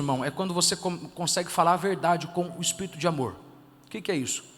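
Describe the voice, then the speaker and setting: High-voiced Brazilian pastor preaching in a hall. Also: male voice. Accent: Brazilian Portuguese. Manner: emphatic preaching, swinging from loud exhortation to soft, intimate asides. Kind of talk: sermon. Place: church hall.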